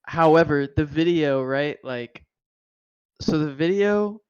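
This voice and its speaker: A man in his twenties from Florida, co-hosting a casual podcast and telling stories in an animated, slangy way. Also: a little high, slow, clean tone, no echo, lo-fi sound. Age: 20s. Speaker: podcast co-host.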